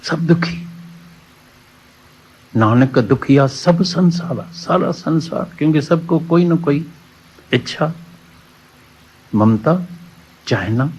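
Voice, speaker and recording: A man's voice: a little high, animated, slow pace, pauses often, a little mellow, breathy edge. A man giving a satsang sermon, preaching with repeated key words and quoted scripture lines, on dull lo-fi audio. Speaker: spiritual teacher. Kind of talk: Hindi satsang sermon with a told parable.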